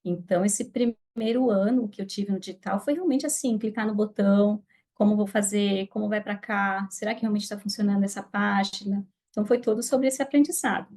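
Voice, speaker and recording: On a casual podcast interview, an affiliate marketer guest with a Brazilian Portuguese accent talks briskly with few pauses in a steady, mid-range, darkish voice. She's earnest and reflective, though she restarts hesitantly.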